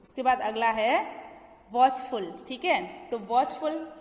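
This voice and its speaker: Woman teacher, Indian accent, high-ish voice, asks and answers her own questions; long reverb in an echoey room. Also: unhurried, darkish tone. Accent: Indian English. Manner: asks questions, then answers them herself; spells words letter by letter. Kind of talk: classroom grammar lesson.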